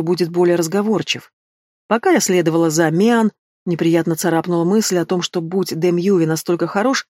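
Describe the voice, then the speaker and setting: A woman narrating a first-person storybook in a steady, measured reading. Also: fairly low pitch, no room sound, studio quality. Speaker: audiobook narrator.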